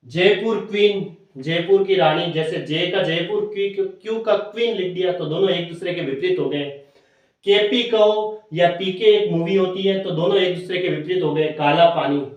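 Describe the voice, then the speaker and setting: A man's voice: sits high, normal speed, recorded from a distance, lo-fi sound. Echoey man teaching. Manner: explains step by step with memory tricks, repeats points. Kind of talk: exam-prep lesson.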